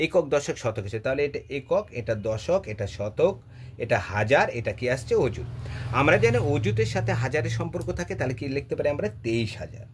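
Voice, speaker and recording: A man's voice: on the high side, sing-song, brisk, slight background noise. A male math teacher explaining a lesson at a board, asking questions and answering them himself, with a Bengali accent. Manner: asks and answers his own questions; repeats phrases while writing.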